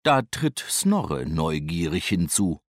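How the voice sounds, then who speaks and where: A middle-aged man narrates a children's storybook in a low voice. He reads slowly, with a lively, widely moving pitch. The recording is dry and close. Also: dry recording. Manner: lively, expressive, unhurried.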